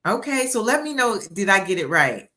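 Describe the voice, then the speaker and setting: A woman's voice: mid-range voice, very animated, moderate pace, pushed and bright. A woman in her sixties hosting a livestream interview as a book coach, upbeat and encouraging, often repeating herself on a video call. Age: 60s.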